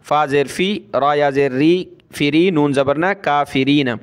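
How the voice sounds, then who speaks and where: A man teaching Quran recitation with a Pakistani Urdu accent. He spells out letters and vowel marks, then chants each word slowly and draws it out, with quick explanatory asides in between. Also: a little high, clean tone. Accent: Urdu-speaking, Pakistani. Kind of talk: step-by-step recitation lesson.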